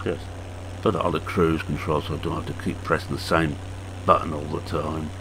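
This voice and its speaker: A man in his sixties who makes farming game videos gives casual gameplay commentary, unhurried and rambling, halting on fillers as he goes. His voice is very low, hoarse, and croaky. A faint engine hum runs beneath it.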